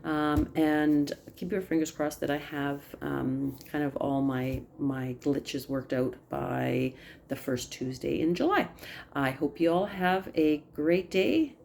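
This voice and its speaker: Chatty low-voiced woman on a video call. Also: creaky, a little mellow, slight background noise. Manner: chatty, many ums and restarts, apologizes for talking fast. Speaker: team leader of direct sales consultants. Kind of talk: casual team update on a video call.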